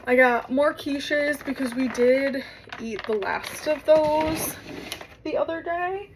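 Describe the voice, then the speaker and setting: Speaking slowly in a high voice, a young woman rambles to her phone camera for a vlog, chatty and full of fillers. Passing vehicles add to a noisy recording.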